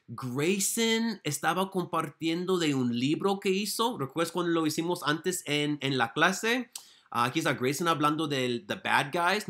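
A man teaching young children, patient and bilingual, moving between Spanish and English. He speaks slowly with a lively, swinging pitch. He sounds like a classroom walkthrough given to kids at home. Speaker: elementary school teacher.

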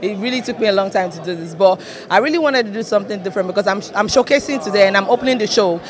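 A woman's voice: medium pitch, very fast. A woman in her thirties with a Nigerian accent, a fashion designer chatting in a red carpet interview on a handheld microphone. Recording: busy event crowd behind voice.

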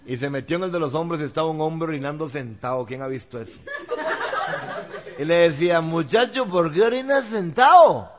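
A man's voice: fairly high pitch, a little fast, pauses often, a crowd in the background. A man with a Costa Rican accent telling jokes in a stand-up comedy routine, chuckling as he goes, on a lo-fi recording. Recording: lo-fi dull recording.

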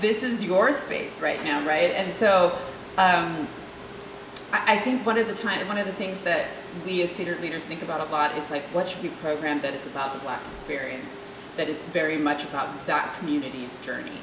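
A woman moderating a roundtable discussion as a theater leader, talking thoughtfully with halting restarts. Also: low voice. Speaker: theater artistic director, moderator. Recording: echoey room with noise.

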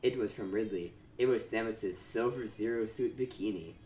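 A man's voice: lowish voice, normal speed, darkish tone. Laughing man reading aloud in an echoey room. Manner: laughs often while reading. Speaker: host reading fan fiction aloud. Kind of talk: casual comedic reading.

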